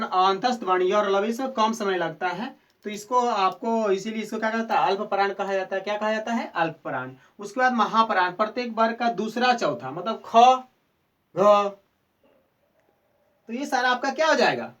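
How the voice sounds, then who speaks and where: A male teacher with a high-pitched, somewhat bright voice gives a Hindi grammar lesson for board exam students at a moderate pace. He poses questions, answers them himself and repeats the key answers. He sounds recorded from a distance.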